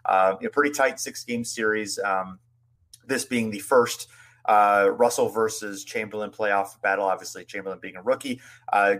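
A man's voice: lowish voice, steady tone, normal speed, a bit bright. A man hosting a casual sports history chat, narrating loosely with many fillers. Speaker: podcast host.

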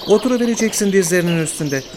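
An impudent young country lad in radio theatre. His voice is fairly high, with a teasing, folksy delivery over noisy birdsong ambience. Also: expressive, very fast. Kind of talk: radio theatre acting in folksy rural speech.

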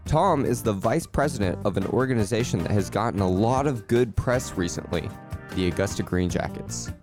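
A man hosting a podcast, reading intros and a sponsor message in a friendly, steady way. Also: lowish voice, normal speed, music in the background. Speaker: podcast host. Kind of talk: scripted intro and sponsor read, casual chat.

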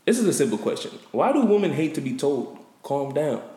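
A man's voice: fairly high pitch, big pitch swings, brisk, warm tone, echoey room, big-room sound. A man co-hosting a casual chat show, jokey and full of playful exclamations. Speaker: co-host.

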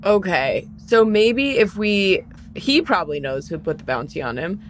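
Low-voiced woman scheming at a game table. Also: sing-song, normal speed, slight background noise. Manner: thinking aloud, scheming. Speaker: player. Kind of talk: casual tabletop play.

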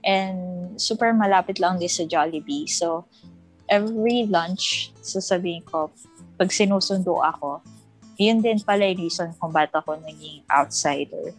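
A young woman with a slightly low voice reminisces about her childhood in easygoing podcast chat. She laughs often and slips between Tagalog and English, with faint music behind her. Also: unhurried, rough recording. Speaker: podcast co-host. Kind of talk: casual chat.

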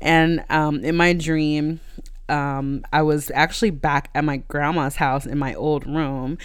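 Very clear, dry-sounding casual solo podcast host. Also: medium pitch, flat delivery, takes it slowly, dry recording. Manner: conversational, laughs easily while talking.

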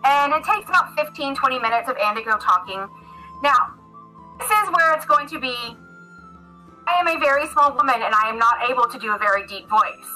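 A woman's voice: high voice, expressive, a little fast, sharp tone, faint music behind, rough recording. A woman narrating a tabletop game as game master, casual, with lots of fillers. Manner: casual, many fillers and restarts.

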